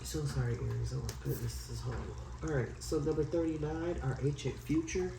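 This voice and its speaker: Reading aloud from a guidebook, a tarot card reader with a stuffy, cold-ridden nose chats loosely and apologetically. The medium-pitched voice is steady, creaky and a little fast, captured far from the mic in an echoey room with background noise.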